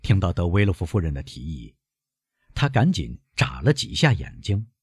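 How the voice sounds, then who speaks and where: A man narrating a classic novel as an audiobook in a measured, expressive reading. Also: low voice, breathy edge, no echo, clean studio sound.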